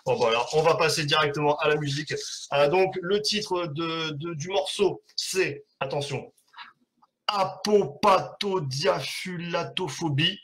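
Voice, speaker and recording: A man's voice: a little high, moderate pace, a bit bright. A man hosting a casual live web show, rambling and joking with frequent hesitations.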